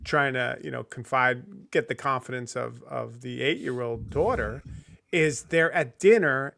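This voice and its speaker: A man co-hosting a podcast, talking about a movie in an animated, expressive way. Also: on the high side, creaky. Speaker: podcast co-host. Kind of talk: casual film discussion.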